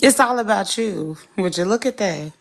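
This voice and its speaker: Brief: mid-pitched woman caller on a phone, persistent and questioning, quick to laugh. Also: lively intonation, gravelly, over a noisy crowd. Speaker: guest caller. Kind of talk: casual group chat.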